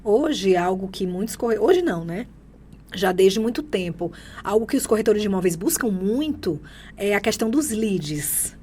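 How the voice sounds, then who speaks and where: A woman's voice: medium pitch, expressive, moderate pace, warm tone, a little hiss or hum. Brazilian woman host asking questions. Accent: Brazilian Portuguese. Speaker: interview host. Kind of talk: interview questions.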